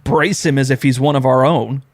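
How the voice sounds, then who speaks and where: Young upstate ny guy cohosting a podcast, rambling animated storyteller, middle pitch. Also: a little fast. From upstate New York. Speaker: podcast co-host. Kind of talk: casual chat.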